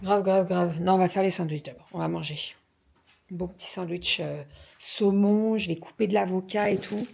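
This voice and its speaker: A woman's voice: lowish voice, steady tone, gravelly, darkish tone, a little hiss or hum. Chatty woman vlogging casually. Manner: chatty, slangy, lots of filler pauses. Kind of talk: casual daily vlog chat.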